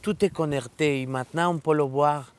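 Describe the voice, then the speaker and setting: An adult literacy student from Mexico, a man in his thirties, gives a filmed testimonial in French outdoors in a riverside park, his Mexican Spanish accent showing that he is still learning. He is earnest but halting, often restarting and using fillers. His slightly high voice is smooth with fairly even intonation, and there is no echo.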